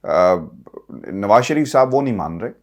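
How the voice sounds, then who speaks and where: A Pakistani-accented man, working as a political vlogger, offers news commentary to his viewers in a fairly low, expressive voice at a moderate pace. He speaks emphatically, leaning on rhetorical questions and repeated phrases.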